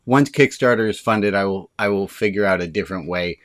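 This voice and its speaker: On a video call, a rabbi character hosts an online group in a relaxed, chatty way. His voice is deep and resonant, and he talks fast and eagerly, noting that excitement makes him speed up.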